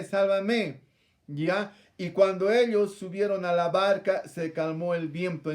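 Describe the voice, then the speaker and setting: A man delivers a sermon in a noticeably high voice. He retells a scripture passage, addresses his listeners as brother again and again, and leans on rhetorical questions to press his point. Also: a little mellow. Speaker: preacher.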